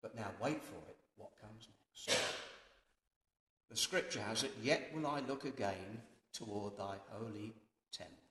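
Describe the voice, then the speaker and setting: A man's voice: fairly low pitch, a little slow, fairly bright tone, slight background noise. A man preaching a sermon, earnest and emphatic, his voice rising and falling with many restarts. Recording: echoey hall.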